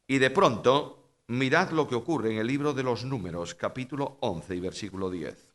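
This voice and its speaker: A middle-aged man from Spain with a Spanish accent, preaching a sermon and shifting from quiet storytelling to loud, emphatic passages. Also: medium pitch, normal speed.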